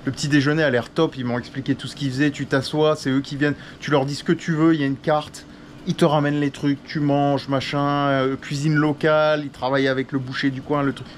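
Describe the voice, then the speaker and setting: A man's voice: on the high side, little pitch movement, a little fast, slight background noise. Slangy French vlogger man in a hotel room. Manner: slangy, chatty, addresses viewers as "les gars" and "les loulous"; calls himself "le tonton" in the third person. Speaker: travel vlogger. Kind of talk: casual vlog chat to camera.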